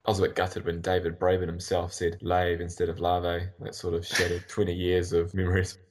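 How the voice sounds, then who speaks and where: A man's voice: deep voice, completely flat delivery, fast talker, slight background noise. A man who writes novels, chatting as a guest in a friendly way. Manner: friendly, laughs easily. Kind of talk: casual chat.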